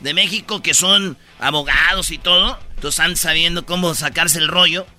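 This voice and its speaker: An animated man with a Mexican accent hosts a casual comic radio show, full of slang and acted-out voices. His voice sits high and very bright, leaping around in pitch, with faint music underneath. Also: normal speed.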